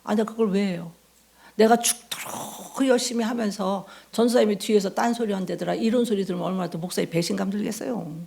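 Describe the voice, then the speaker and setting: Very gravelly, husky woman pastor preaching. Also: mid-range voice, fast. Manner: animated storytelling, acting out inner thoughts, dropping to whispers. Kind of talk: sermon.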